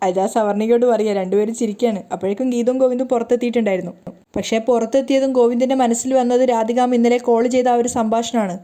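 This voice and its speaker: A woman telling a TV serial's story in a hurried spoken recap, slipping and correcting herself as she goes. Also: a little high, steady tone, warm tone. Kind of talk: fast spoken recap narration.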